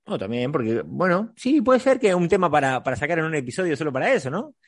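A man hosting a conversational podcast, speaking haltingly and repeating words as he thinks. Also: fairly high pitch, big pitch swings, dry recording, studio quality. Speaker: podcast host.

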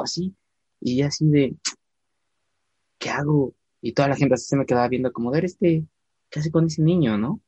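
Animated man telling a story, muffled. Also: medium pitch, husky, dry recording. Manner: animated storyteller, acts out quoted voices, slows down for emphasis. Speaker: church volunteer telling a testimony. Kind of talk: casual storytelling chat.

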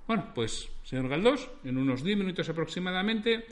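A man's voice: high voice, animated, fairly quick, voice pushed up. A man voicing a polite, composed male call-centre operator who speaks formally and reassuringly.

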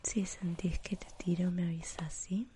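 A woman with a Rioplatense Spanish accent doing a whispered role-play as an ASMR spa attendant, in a soothing sleep-narrator manner with gentle repetition and diminutives. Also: lowish voice, steady tone, normal speed, a little hiss or hum. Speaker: ASMR performer giving a pampering spa treatment.

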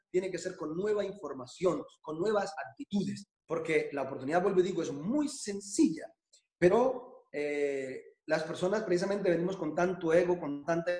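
Male business trainer, high voice, emphatic and repetitive, echoey room. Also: a little mellow. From Spain. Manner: emphatic, repeats phrases, asks for agreement. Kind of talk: motivational business training talk.

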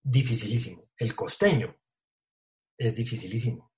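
Male actor, relaxed interview chatter, slangy, lots of restarts. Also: medium pitch, normal speed. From Colombia. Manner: casual, slangy, many fillers and restarts. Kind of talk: casual interview talk.

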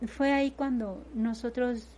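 A middle-aged mother gives personal testimony in an interview, recounting events at length in long chains tied together with repeated phrases, often "agarré y". Her voice is a little high, warm, unhurried and fairly even, with slight background noise.

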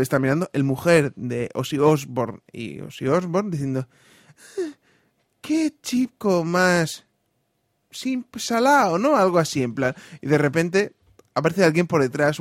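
Casual male video commentator, lively, a touch high, dry recording. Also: no echo. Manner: excitable, swears freely, acts out quotes. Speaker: host reacting to videos.

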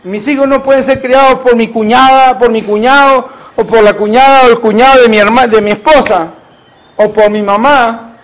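A man's voice: very high voice, steady tone, moderate pace, poor audio. A man, preaching a sermon as a pastor and asking the congregation rhetorical questions.

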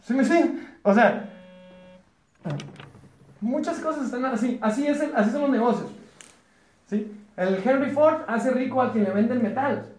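A man's voice: very high voice, measured pace, long pauses, a little mellow. A man with a Mexican accent giving a chatty, joking business presentation to a small group, often checking that they follow. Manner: chatty, questioning the room, joking. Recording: roomy echo.

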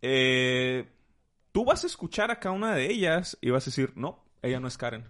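Lively Mexican man teaching with examples. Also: medium pitch, moderate pace. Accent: Mexican Spanish. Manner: animated, teaching with playful examples. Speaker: guest speaker.

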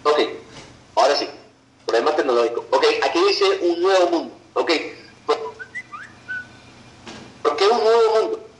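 A man's voice: fairly high pitch, sing-song, moderate pace, pauses often, roomy sound, a little hiss or hum, rough recording. A man from Venezuela, giving an online business presentation in a persuasive way and often checking in with "ok" and "right". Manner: persuasive, tags sentences with "ok" and "verdad".

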